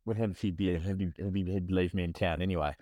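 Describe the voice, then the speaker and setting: Man, broad Kiwi accent, low voice, dry close sound, casual rambling chat, slangy, repeats himself. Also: steady tone, fast talker, warm tone, no room sound. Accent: New Zealand.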